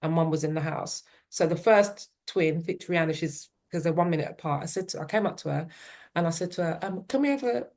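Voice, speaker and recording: A woman's voice: deep voice, fairly even intonation, fairly quick, a little mellow. A middle-aged woman, a parent and teen coach, telling her story in an interview with an earnest, reflective manner and frequent "um" and "yeah".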